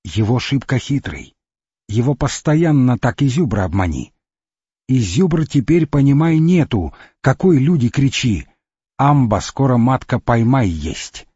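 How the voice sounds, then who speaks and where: A man voicing an older male taiga hunter who talks in broken, ungrammatical speech, quietly, almost in a whisper. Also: medium pitch, big pitch swings, unhurried, husky, no echo, muffled recording. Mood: hushed, wary.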